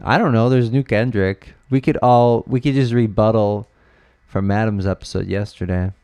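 A young man hosting a casual podcast chat, relaxed and a little rambling, quick to laugh. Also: lowish voice, clear, resonant tone, no room sound. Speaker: podcast host.

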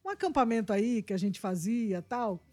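A woman's voice: on the high side, animated, moderate pace, a little mellow. A woman telling a chatty story in a casual group conversation. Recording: faint music in the background.

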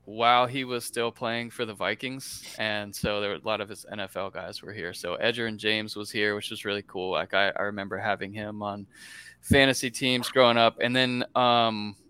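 A man's voice: lowish voice, steady tone, moderate pace, sharp tone, smooth, no echo. A man from central Florida with an American accent, talking sports casually and enthusiastically as a panelist. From central Florida, USA.

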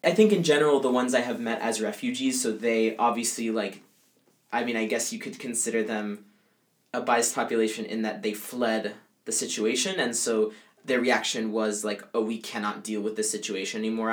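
On the low side, steady in tone and fairly quick, a young male college student chats his way through interview answers. He restarts often and leans heavily on fillers like "um" and "like."

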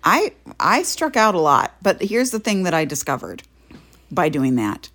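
A woman's voice: lowish voice, big pitch swings, normal speed, fairly bright tone. A woman co-hosting a podcast, telling blunt, crude stories in casual chat and laughing often. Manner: frank, crude storyteller who laughs often. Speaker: podcast co-host.

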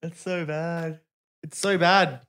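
A man's voice: fairly high pitch, fairly even intonation, slow, bright, forceful tone, clean tone. An Australian man in his thirties co-hosting a podcast in casual banter, joking and swearing with plenty of slang. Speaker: podcast co-host.

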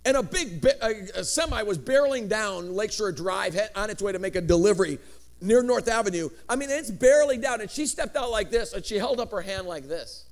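This pastor, a middle-aged Chicago man who grew up speaking Greek first, gives an animated sermon full of swinging inflections and humorous asides. His voice sits high.

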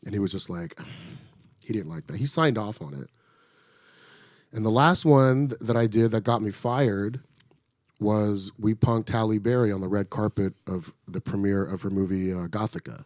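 Middle-aged guy, lowish voice, chatty animated storytelling, cussing a lot, dry close sound. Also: moderate pace, no room sound. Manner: animated, acts out quoted voices, swears freely. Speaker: actor telling a show-business story. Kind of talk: casual storytelling chat.

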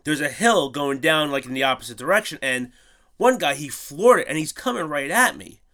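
A man in casual chat, laid-back, swearing and quick to laugh. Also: on the high side, animated, sharp tone.

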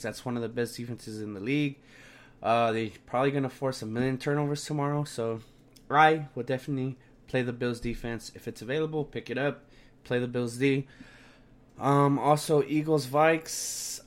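A young man talking sports on a solo podcast in a brash, slangy, sweary frat-bro manner, sounding sick and tired. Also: medium pitch.

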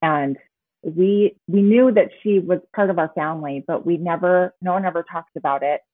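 Guest, woman in her forties from Utah: husky, lower voice, chatty and animated, heard over a thin phone-like line. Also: no room sound. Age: 40s. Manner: animated storytelling, frequent quick agreement. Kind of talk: casual interview conversation. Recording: tinny phone-like remote line, dry.

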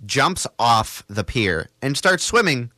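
A man's voice: medium pitch, big pitch swings, slow pace, pushed and bright, no room sound, clean studio sound. A young man hosting a college radio show, chatting casually and telling stories in a rambling, self-correcting way. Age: young adult.

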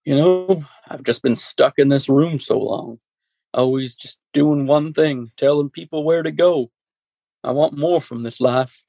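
A man playing a weary, touchy talking hat in improvised comedy, grumbling and self-pitying in a gravelly voice. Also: a little high, a little slow, mellow, dry recording. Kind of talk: improvised comedy sketch acting.

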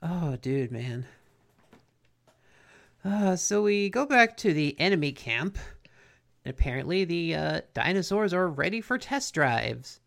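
Male podcast co-host, gravelly, relaxed slangy chat. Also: on the high side. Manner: laid-back, slangy, drawn-out dude talk. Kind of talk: casual chat recapping a cartoon.

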